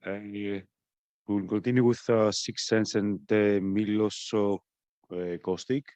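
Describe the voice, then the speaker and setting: Low-voiced man moderating a workshop. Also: flat delivery, slow, darkish tone, clean tone, no room sound. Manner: brief and businesslike. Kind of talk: moderating a video call.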